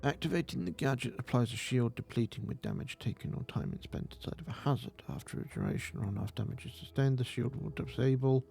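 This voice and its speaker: A man's voice: mid-range voice, very animated, fast, vocal fry, few pauses, warm tone. A man streaming a video game, talking in a goofy, playful way and tripping over words. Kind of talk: casual gameplay commentary.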